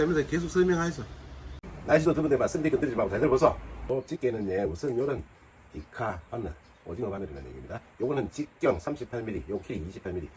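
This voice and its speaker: A man's voice: lowish voice, mellow, a little hiss or hum. A man with a Gyeongsang accent chatting through a demonstration of his fishing gear. He banters with himself, asking questions and then answering them. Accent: Gyeongsang Korean. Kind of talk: casual product demonstration.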